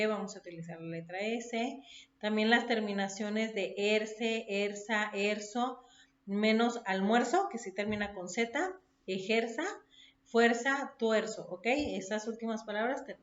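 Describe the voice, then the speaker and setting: Woman teacher, unhurried lesson, roomy muffled sound. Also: medium pitch. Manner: checks in with "¿ok?" after each point, lists words one by one. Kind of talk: recorded lesson. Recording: dull echoey room recording.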